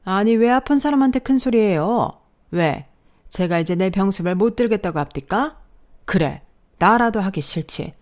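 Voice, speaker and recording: A woman voicing a spiteful, sharp-tongued older mother-in-law who scolds in a raised, shrill voice in a radio drama. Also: expressive, normal speed, close to an everyday voice. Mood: indignant.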